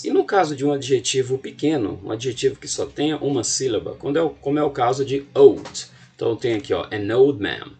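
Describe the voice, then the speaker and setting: A man's voice: mid-range voice, husky. A man with a Brazilian Portuguese accent teaching a recorded video lesson, explaining step by step and often checking in with his students.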